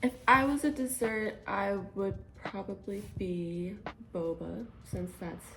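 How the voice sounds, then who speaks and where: A twenty-one-year-old woman introducing herself casually, unhurried and relaxed. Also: mid-range voice, creaky, a little hiss or hum, rough recording.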